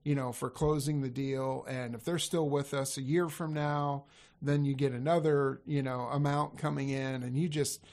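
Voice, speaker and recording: A man's voice: medium pitch, fairly even intonation, normal speed, darkish tone. A man talking casually on a podcast as a sales coach, rambling and correcting himself as he goes. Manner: rambling, self-correcting, laughs easily.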